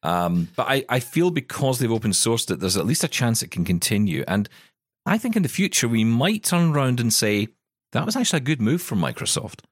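A man's voice: medium pitch, sing-song, a little fast, no echo, clean studio sound. A male podcast host chatting casually and expressively about tech news, a little self-deprecating. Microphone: studio microphone.

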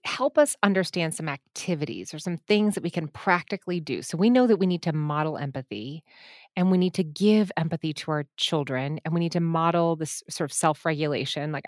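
A woman host asking an interview guest questions in a measured, encouraging way. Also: sits low, no room sound, studio quality.

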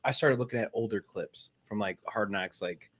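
A man's voice: on the low side, normal speed, a bit bright. A man chatting as a guest on a sports podcast, rambling through anecdotes in loose dude slang. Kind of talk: casual anecdotal chat.

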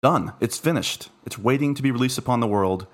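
A man's voice: mid-range voice, a little fast. A man hosting a casual podcast chat, joking and self-deprecating. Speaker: podcast host.

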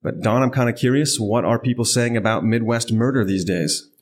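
A man's voice: mid-range voice, steady tone, a little fast. A man co-hosting a true crime podcast live before an audience, upbeat and promotional, with playful defensiveness in his banter. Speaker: podcast co-host.

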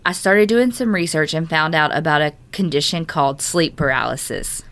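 A woman with a somewhat low voice co-hosting a casual podcast, reading a listener's story and then reacting at length. She talks emphatically, swears often and scatters "like" through her sentences. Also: normal speed, fairly bright tone. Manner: emphatic, profane, uses like as a filler a lot. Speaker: podcast co-host. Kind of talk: casual chat and reading aloud.

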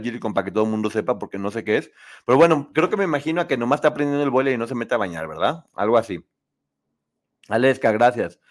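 A man hosting a casual live show, chatting opinionatedly and reading viewer comments. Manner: chatty, opinionated, lively pitch swings.

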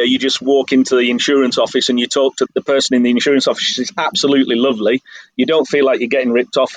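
A middle-aged English man talking candidly as an interview guest, measured and self-deprecating. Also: mid-range voice, no room sound, poor audio. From England. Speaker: guest, business owner abroad. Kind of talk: interview conversation.

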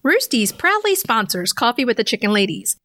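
A woman co-hosting a podcast, reading sponsor spots and chatting in a bubbly, excitable way. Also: on the high side, fairly quick, dry recording, studio quality. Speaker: podcast co-host. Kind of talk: casual podcast chat and ad reads.

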